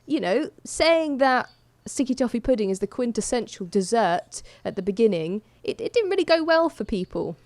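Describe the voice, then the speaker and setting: A woman's voice: on the high side, big pitch swings, moderate pace, darkish tone, no echo. A woman hosting a podcast, chatting casually about a baking show with light amusement. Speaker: podcast host. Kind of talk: casual chat.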